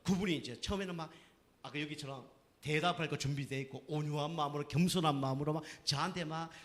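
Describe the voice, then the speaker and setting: A man's voice: on the high side, fast talker, a bit bright. A man preaching a sermon on evangelism as pastor, telling stories with emphatic repetition, in a church sanctuary. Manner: storytelling with acted quotes, emphatic repetition. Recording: long hall reverb.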